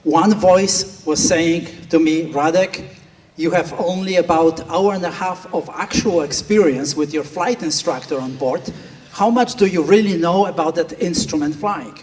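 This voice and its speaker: A middle-aged man from Poland, a flight instructor, speaks earnestly at a gala in a large, echoing banquet hall, narrating a story with quoted inner voices. His fairly high, darkish voice moves at a measured pace, picked up from afar.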